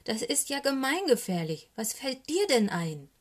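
A woman voicing a grumpy owl in a storybook reading, scolding loudly and indignantly. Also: sits high, sing-song, measured pace, voice pushed up, exaggerated voice.

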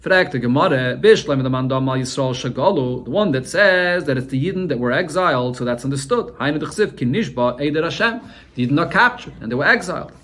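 A man's voice: fairly high pitch, expressive, brisk, a bit bright. Man teaching a Talmud lesson. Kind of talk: Talmud shiur, translating and explaining.

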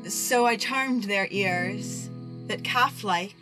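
A woman playing an obedient airy spirit, recounting events in a lively storytelling manner. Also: medium pitch, slow pace, over music, close to an everyday voice, low-quality recording. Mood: eager.

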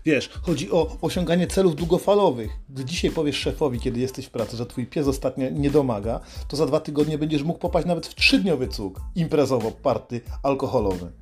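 A man's voice: medium pitch, brisk, hardly any pauses, soft background music. A man delivering a crude, sardonic comic monologue full of swearing. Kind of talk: profane satirical monologue.

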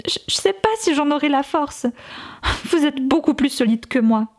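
A woman's voice: high-pitched, pitched above the performer's own voice. A woman reading a whimpering fragile young woman. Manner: tearful, halting.

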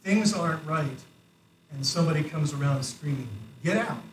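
A man's voice: a little high, moderate pace. A man filling in as guest preacher, telling a story in a conversational way with fillers, away from the mic in a church. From United States. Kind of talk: sermon. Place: church sanctuary. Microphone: far from the mic. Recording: echoey church room, mic far off, faint hiss.

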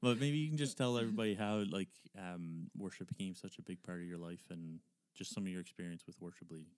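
A man's voice: deep voice, fast, a little mellow, clean tone, dry recording, studio quality. A man hosting a podcast in a casual, conversational and effusive way. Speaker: podcast host.

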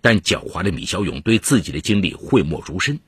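Husky low male true-crime narrator. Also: very animated, no room sound. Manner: measured storytelling with dramatic emphasis. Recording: dry close studio voice-over.

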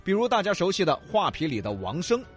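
A man's voice: sits high, wildly swooping pitch, fast, faint music behind. A man co-hosting a storytelling podcast, retelling a classic tale with jokes and banter. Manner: joking, playful. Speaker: co-host storyteller.

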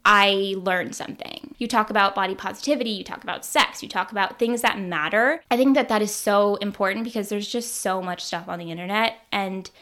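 A woman's voice: mid-range voice, fairly quick, few pauses, pushed and bright. A young woman hosting a podcast, chatting with a guest in a gushing, enthusiastic way. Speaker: podcast host. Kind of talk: casual podcast conversation.

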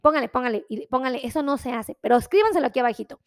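High-voiced woman doctor, chatty. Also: lively intonation, very fast, no room sound, clean studio sound. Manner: chatty, talks like a friend, lots of fillers. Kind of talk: casual health explainer to viewers.

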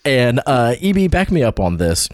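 A man's voice: mid-range voice, very animated, normal speed, darkish tone, dry recording. A man hosting a podcast in casual chat, rambling with lots of filler words and restarts. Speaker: podcast host.

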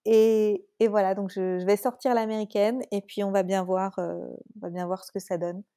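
A woman with a French accent, a coach who hosts her own podcast, talks casually and reflectively on a solo episode, hesitating and restarting a lot. Her medium-pitched voice is dark and fairly flat in pitch, at normal speed, with clean studio sound and no echo.

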